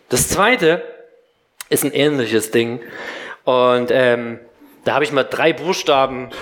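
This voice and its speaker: A middle-aged man preaching a sermon to a congregation in a church, speaking directly to listeners and telling stories about his children. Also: medium pitch. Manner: lively storytelling preacher, direct address. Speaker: pastor.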